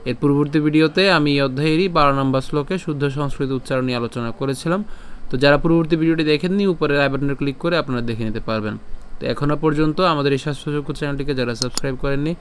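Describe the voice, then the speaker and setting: A man giving a pronunciation lesson on scripture, explaining syllable by syllable and reciting verses in a slow, measured cadence. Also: fairly high pitch, slight background noise. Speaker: scripture teacher.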